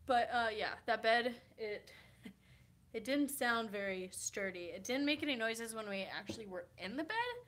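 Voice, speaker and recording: A tired woman in her early twenties from Kansas chats casually on a livestream from a hotel room, reading comments and rambling with lots of "like" fillers. She laughs often, her fairly high voice lively in intonation, moderately paced, and a bit bright.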